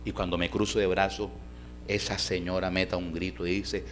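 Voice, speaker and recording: A male pastor tells a story from the pulpit of a church in a bright, clear voice. He is folksy and animated, calling listeners brother, with a faint hum behind him. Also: low voice, normal speed. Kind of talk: storytelling sermon.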